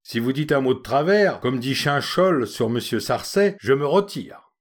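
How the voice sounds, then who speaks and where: A man's voice: medium pitch, animated, unhurried. A man voicing a pale, sad, timid young man who speaks in a formal, slightly pompous way. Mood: earnest, scheming.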